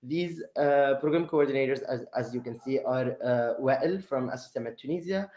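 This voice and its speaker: A man hosting an online webinar, talking with many fillers and pauses. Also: mid-range voice, mellow. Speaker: webinar host. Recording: echoey room.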